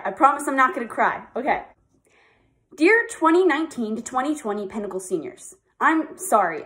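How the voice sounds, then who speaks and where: Earnest high teen girl. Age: teens. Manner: earnest, upbeat, emotional. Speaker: yearbook staffer. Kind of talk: casual video address and read speech.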